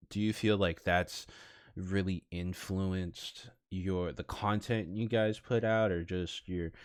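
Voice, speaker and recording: A man's voice: on the low side, clean tone. A young man with a Californian Bay Area accent hosting a casual live podcast in laid-back, slangy bro talk. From San Francisco Bay Area, California. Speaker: podcast host.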